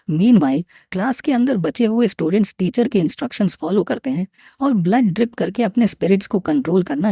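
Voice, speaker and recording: A woman narrating a recap of a comic story in a steady storytelling delivery. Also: mid-range voice, gravelly, breathy edge, no echo, clean studio sound.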